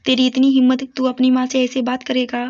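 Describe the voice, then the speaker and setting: A woman's voice: high voice, completely flat delivery, fairly quick, darkish tone, natural voice. A woman voicing a cruel young wife who sneers and hurls insults at her old mother-in-law in a told story. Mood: spiteful. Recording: dull lo-fi recording.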